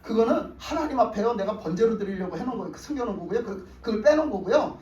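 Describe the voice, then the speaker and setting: A man's voice: high voice, lively intonation, racing, darkish tone, dull audio. A preacher voicing a proud biblical king who wheedles and makes excuses, in a roomy hall from a distant mic. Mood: pleading.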